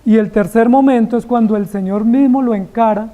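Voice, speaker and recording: A woman preaches a sermon, her voice a touch higher than most and mellow in tone. She acts out the scripture's dialogue with flair and keeps pressing the congregation with rhetorical questions. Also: brisk, poor audio. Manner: dramatic, acts out biblical dialogue. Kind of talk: expository sermon.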